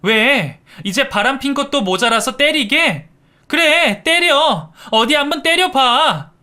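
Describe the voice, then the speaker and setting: A woman's voice: expressive, takes it slowly, pushed and bright, exaggerated voice. A man voicing a young wife who screams back at her husband in a storybook narration. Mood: defiant screaming. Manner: shrill screaming. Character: young wife, fed up and defiant.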